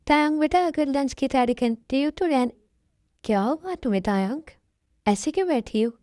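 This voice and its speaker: A woman's voice: high voice, normal speed, dark tone, dry recording, lightly acted. A woman doing a fussing motherly elder. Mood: caring. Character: caring mother-in-law, middle-aged woman. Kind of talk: Hindi fan dub.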